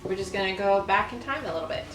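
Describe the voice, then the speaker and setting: Speaking quickly and expressively in a mid-range voice, this woman hosts a lifestyle channel video, mixing casual chat with reading from an old newspaper. Faint music plays beneath a roomy echo.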